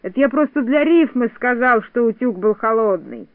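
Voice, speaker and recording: A man reading the part of a carefree, boastful little boy who writes silly verses, in a lively, cheeky way. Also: very high-pitched, normal speed, dry recording. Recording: tinny phone-like dry sound.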